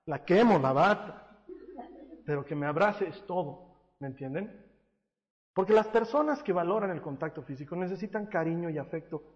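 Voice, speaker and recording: A man, a pastor preaching a sermon and telling warm, humorous family stories. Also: on the high side. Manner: warm, humorous, expressive storytelling. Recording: dull sound with long hall reverb.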